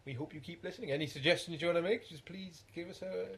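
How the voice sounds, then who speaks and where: A man's voice: fairly high pitch, quick pace, a bit bright. A man co-hosting a podcast in casual chat who rambles and searches for words. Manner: rambling, loses words, trails off with fillers. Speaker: podcast co-host.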